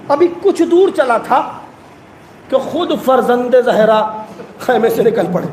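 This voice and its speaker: A man's voice: extremely high pitch, darkish tone. A man preaching at a mourning gathering, chanting an emotional elegy, sobbing and rising to wails. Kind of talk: chanted Muharram elegy sermon. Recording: echoey hall with faint noise.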